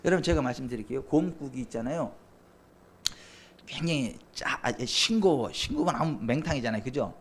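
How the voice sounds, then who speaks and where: A male pastor preaching a sermon, swinging between loud, fervent cries and quiet, low asides. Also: expressive, fairly quick, a little hiss or hum. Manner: impassioned, swings from loud cries to near whispers. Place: church sanctuary.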